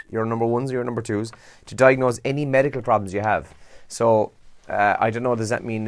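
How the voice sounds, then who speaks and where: A man's voice: mid-range voice, dry recording. A man with a Kerry Irish accent hosting a breakfast radio show, chatting casually through the morning papers with asides and rhetorical questions. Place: radio studio.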